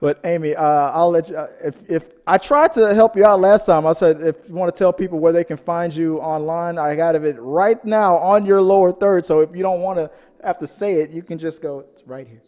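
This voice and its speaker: A man speaks a little high and a little fast, barely pausing, in a darkish tone while hosting a casual film podcast. His talk is jokey and meandering, he often gropes for words, and long reverb makes it sound like a hall.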